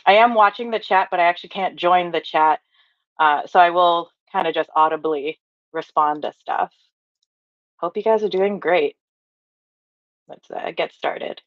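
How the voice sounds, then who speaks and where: A woman in her thirties from Hawaii, her voice on the low side, leads an upbeat online training from home at a measured pace with long pauses. She reads out chat replies with lots of fillers, captured by a webcam or laptop mic as dry, dull lo-fi video call audio.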